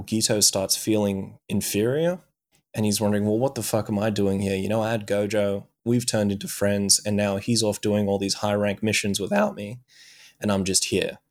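A man with a somewhat low voice chats on a movie podcast. He retells a story in a loose, meandering way, swearing freely and filling gaps with "like" and "um.". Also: a little mellow. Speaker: podcast co-host. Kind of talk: casual chat, retelling an anime plot.

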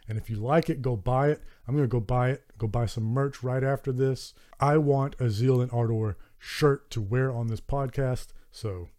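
An earnest man with a Southern American accent hosts a solo podcast, talking casually into a close microphone. His voice is mellow and dark, with an average pitch. He sounds enthusiastic and often restarts his sentences. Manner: earnest and enthusiastic, with warm thanks and frequent restarts. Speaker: podcast host.

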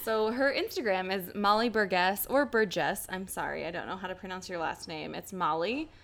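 A woman's voice: lowish voice, a little fast, gravelly, a bit bright. Chatty, self-mocking woman podcast co-host. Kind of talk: casual chat.

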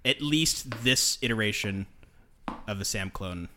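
A man chatting in playful gaming banter. His voice is bright and forward. He rambles, trips over his words and starts his sentences again. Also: fairly low pitch, animated, unhurried, slight background noise. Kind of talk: casual comedic banter while gaming.

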